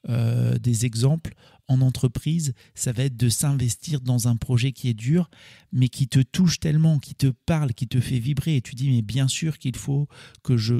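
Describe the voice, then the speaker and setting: Gravelly-voiced man hosting a coaching podcast. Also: medium pitch, moderate pace, dark tone, no echo, studio quality. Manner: casual, explanatory, self-correcting with small laughs. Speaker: podcast host. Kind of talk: solo coaching podcast talk.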